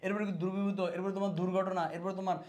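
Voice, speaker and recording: A man's voice: high-pitched, monotone, very fast, darkish tone. A man teaching an exam spelling lesson, speaking to students as friends and repeating words so they stick. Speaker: exam prep tutor.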